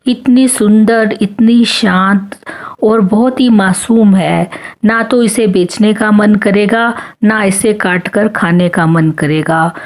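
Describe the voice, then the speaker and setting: Tender hunter's wife read by a woman, soft and pleading, slow storybook reading. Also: medium pitch, fairly even intonation.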